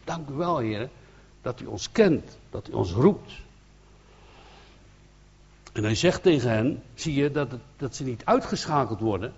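Dutch-accented man, preacher, sermon, earnest and emphatic, husky, middle pitch, muffled lo-fi sound. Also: lively intonation, unhurried, pauses often, darkish tone. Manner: earnest, repetitive restarts, rising to emphatic bursts. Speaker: evangelist preacher.

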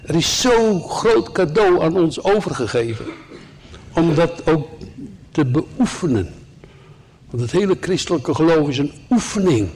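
A man's voice: on the high side, a little mellow, husky. A man preaching a sermon to his congregation in an earnest, emphatic way, with asides to the listeners.

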